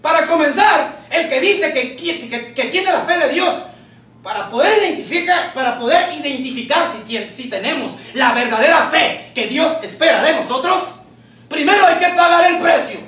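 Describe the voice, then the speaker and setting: A male pastor preaching a fervent, shouting sermon and calling out to the congregation in a church hall. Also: extremely high pitch, expressive, moderate pace. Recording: echoey church from far off.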